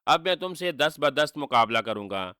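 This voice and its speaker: A man voicing a cunning, sharp-tongued male trickster hero who answers with sarcastic insults, in a storybook reading. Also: medium pitch, animated, normal speed, smooth, dry recording, clean studio sound. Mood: defiant, growling.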